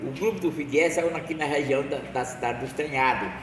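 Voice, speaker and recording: A man's voice: a little high, brisk, noisy background. Man, rambling storyteller, echoey roomy sound, heard from a distance. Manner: rambling, with restarts and self-corrections. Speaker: local storyteller. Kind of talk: oral history storytelling.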